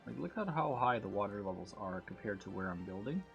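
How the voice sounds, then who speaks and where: A man chats on a gameplay livestream through a headset mic. His voice sits low with a gravelly edge, and his pitch jumps around lively as he thinks aloud over glitches. Faint game music plays underneath. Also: fairly quick, lo-fi sound. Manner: thinks aloud while troubleshooting, greets chat. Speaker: streamer. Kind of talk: casual gameplay livestream chat.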